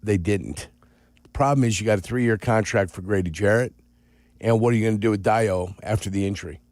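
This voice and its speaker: A man's voice: on the low side, a little fast, a little mellow, dry recording. A man co-hosting sports talk radio, blunt and opinionated.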